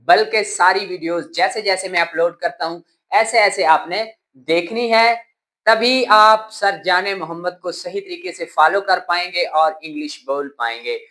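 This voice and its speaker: Slow-speaking male teacher drilling words. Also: sits high. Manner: repeats each word three times, loud and emphatic on drill words. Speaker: English teacher. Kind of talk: spoken English lesson with repetition drills.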